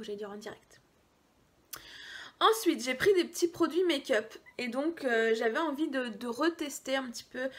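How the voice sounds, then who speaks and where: A woman chatting casually through a makeup haul video, hesitant, often dropping into quiet asides. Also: sits high. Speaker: beauty vlogger.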